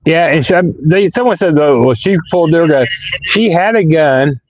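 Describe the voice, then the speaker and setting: A man with a sore, hoarse voice, rambling casually as he chats with viewers on a live stream. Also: on the high side, animated, moderate pace, darkish tone, dry recording, rough recording. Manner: rambling, colloquial, answers chat comments. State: hoarse, sick with sore throat.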